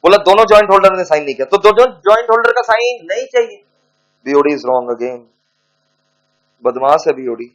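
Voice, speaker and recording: Man, law teacher, mid-high voice, teasing and scolding, slow dictation, faint mains hum behind. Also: expressive, low-quality recording. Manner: scolding, teasing lecturer mixing Hindi and English, dictating slowly. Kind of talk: classroom lecture.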